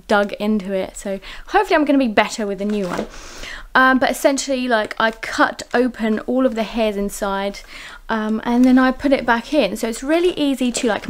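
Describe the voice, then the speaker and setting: A woman in her thirties chatting casually to a handheld camera in her living room, rambling with lots of fillers. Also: fairly high pitch. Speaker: home vlogger. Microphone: handheld camera at arm's length.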